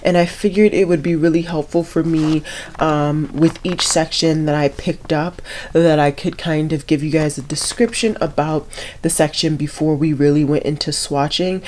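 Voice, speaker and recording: A woman's voice: low voice, steady tone, moderate pace, a little mellow, slight background noise. A young woman, a beauty vlogger, chatting casually through a swatching video, her voice nasal from a cold and her talk rambling with fillers.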